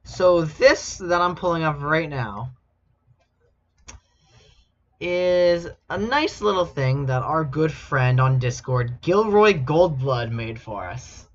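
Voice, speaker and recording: During a casual stream, a man reads fan fiction aloud with mock drama, amusement and incredulity. He sounds a little high and expressive at a slow pace, and a dull lo-fi mic picks him up with music in the background.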